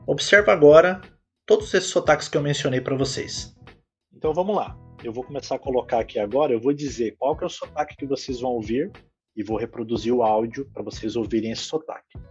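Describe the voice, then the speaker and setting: A man hosts a solo English-lesson podcast in a husky, mid-pitched voice. He explains each point patiently and repeats words to drive them home. Faint music sits behind him. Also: quick pace. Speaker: English teacher and podcast host.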